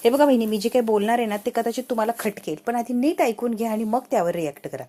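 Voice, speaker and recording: An earnest young wife begs her sister-in-law to let go, talking fast in a low, mellow voice, as a woman reading the recap puts her on. She sounds like a plainly read storybook part. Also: close to an everyday voice. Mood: pleading. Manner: earnest, pleading.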